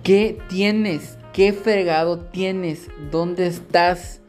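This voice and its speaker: A man voicing an angry mother who loudly demands to know where her child is. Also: high voice, fairly even intonation, extremely slow, soft background music, voice pushed up. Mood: scolding. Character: angry scolding Mexican mother.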